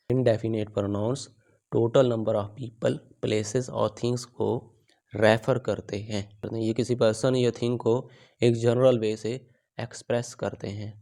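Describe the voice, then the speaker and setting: Male grammar teacher, low and even voice, slow, deliberate explaining. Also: vocal fry. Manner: slow, deliberate explaining, drawing out example sentences. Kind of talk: recorded grammar lesson.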